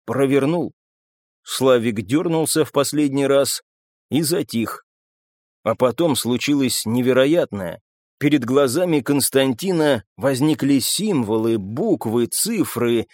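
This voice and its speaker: A man's voice: medium pitch, animated, unhurried, a little mellow, dry recording, clean studio sound. Dramatic male audiobook narrator. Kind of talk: scripted narration.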